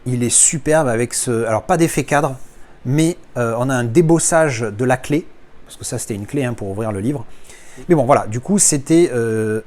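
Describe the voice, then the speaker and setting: A man's voice: mid-range voice, normal speed, a little mellow. Rambling man unboxing films. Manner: rambling, many fillers and restarts. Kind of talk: casual unboxing commentary.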